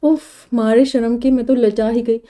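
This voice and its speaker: A woman reads a comedy novel aloud in first person, in a lively storytelling manner. Her voice is very dark and mellow, set a little high. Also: normal speed. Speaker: novel reader. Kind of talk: scripted audiobook narration of a comedy novel.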